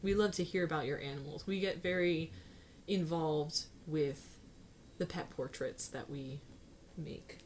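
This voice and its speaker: A woman's voice: low voice, measured pace, darkish tone, a little hiss or hum, poor audio. A woman co-hosting a casual chat, playful and teasing as she talks. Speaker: co-host.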